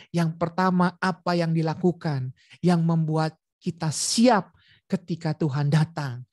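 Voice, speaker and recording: A man preaching at a prayer meeting over a video call, telling a personal story with lively acted-out dialogue and speaking straight to his listeners. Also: a little high, no room sound, studio quality. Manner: addresses listeners directly.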